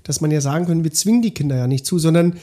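A man in a relaxed podcast conversation, his voice husky and mellow. He thinks aloud as he goes, breaking off and restarting sentences. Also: on the high side, very fast. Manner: thinks aloud, restarts often, talks over his partner. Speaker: podcast co-host. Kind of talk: casual discussion podcast.

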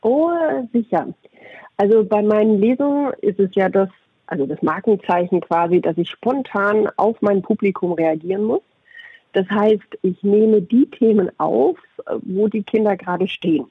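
A middle-aged woman with a husky voice answers interview questions conversationally, telling anecdotes about her work. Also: medium pitch, moderate pace, dry recording. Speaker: interviewee, doctor and puppeteer. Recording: thin phone-like radio sound.

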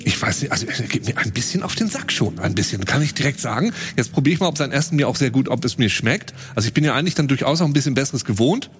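A man's voice: mid-range voice, expressive, racing, hardly any pauses, slight background noise. A man playing a tabletop game, making a wry, hesitant aside. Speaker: player. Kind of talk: casual out-of-character aside.

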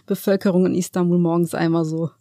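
A woman in her thirties from Turkey, a senior physician guesting on a podcast, relaxed and quick to laugh. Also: fairly low pitch, no echo, studio quality. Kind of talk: casual conversational interview.

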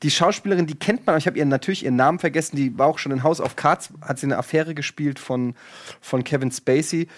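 Animated young man telling a story. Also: a little high, fast. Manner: animated storyteller, laughing, acts out quotes. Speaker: podcast host recommending a series. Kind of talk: casual chat.

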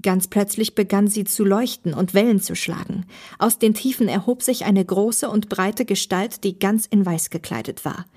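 Woman, voice-over narrator, short story, clear, scripted. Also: medium pitch, normal speed, a little mellow.

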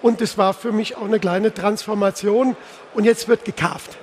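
An insurance executive in his sixties, originally from the Palatinate in Germany, sits for a relaxed on-stage interview at a trade fair. He has a high-pitched, darkish voice, fairly even in intonation and at normal speed. The live recording carries faint background noise.

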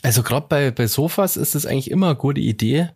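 A man co-hosting a relaxed podcast and telling stories in a loose, slangy way, with English words slipped in. His voice has a gravelly fry at a middling pitch. The recording is dry and close to the mic. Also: quick pace, dry recording. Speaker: podcast co-host. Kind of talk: casual chat.

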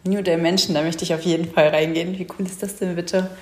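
A woman's voice: lowish voice, fairly even intonation, fast talker. A woman vlogger musing dreamily while exploring, often whispering. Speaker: vlogger exploring a mystery villa. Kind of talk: casual exploring chat. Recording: roomy echo, faint noise.

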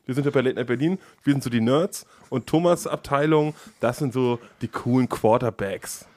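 Co-host: man with a mid-pitched voice, playful storyteller who acts out quotes. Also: moderate pace, a little mellow. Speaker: podcast co-host. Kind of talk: casual comedic chat.

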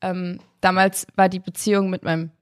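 A woman's voice: lowish voice, level tone, normal speed, no echo, studio quality. A young woman in her twenties telling a story in a casual interview at her home, talking in a loose, chatty way with plenty of hesitant fillers. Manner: chatty, filler-heavy retelling with many hesitant "ähm"s. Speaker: guest athlete. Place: her family home, indoors.

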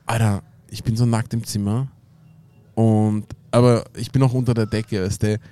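A man's voice: lowish voice, steady tone, moderate pace, mellow, no room sound. A young man with an Austrian German accent, rambling through an anecdote in casual slang with lots of fillers. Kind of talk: casual chat.

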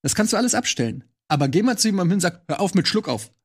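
Male panelist, high and very animated voice, builds suspense then rushes. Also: husky. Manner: dramatic build-ups, bursts of speed, laughing. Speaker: panel player. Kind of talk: comedic casual chat.

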